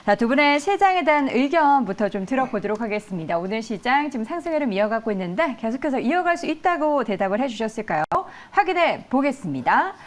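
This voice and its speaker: A woman hosting a TV market talk show, guiding guests with quick questions. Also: a little high, very animated. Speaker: TV show host. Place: TV studio.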